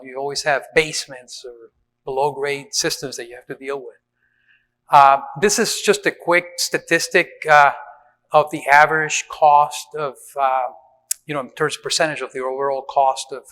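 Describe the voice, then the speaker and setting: A man's voice: mid-range voice, fairly bright tone. A middle-aged man from Venezuela giving a conversational conference talk to facility managers, with frequent fillers and restarts. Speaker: conference speaker on building maintenance. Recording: reverberant hall.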